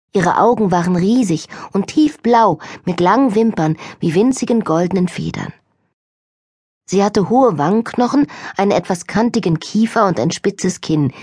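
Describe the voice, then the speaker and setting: A woman narrating an audiobook with a husky, slightly low voice. Her reading is calm and measured, recorded dry and close. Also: no room sound.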